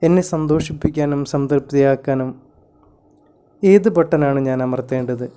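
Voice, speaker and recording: A man's voice: medium pitch, mellow, smooth, natural voice. A man reading as a weary, worried young mother. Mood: teasing. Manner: measured bilingual reading of her lines.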